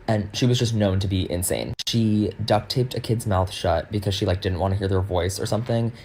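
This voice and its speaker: Low-voiced man telling a story. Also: a little fast, a little mellow, a little hiss or hum. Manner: casual, matter-of-fact, many "like" fillers. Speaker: TikTok creator. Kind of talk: casual storytelling to camera.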